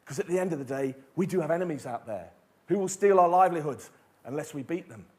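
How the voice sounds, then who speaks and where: A man's voice: a little high, animated, fast talker. A middle-aged man giving an emphatic keynote talk, telling stories and asking rhetorical questions. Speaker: motivational speaker. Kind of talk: keynote speech.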